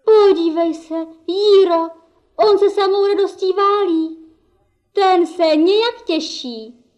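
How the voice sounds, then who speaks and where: A woman's voice: extremely high pitch, darkish tone. A woman playing a cheeky, impish jester boy puppet with mocking, playful banter in a puppet theatre play.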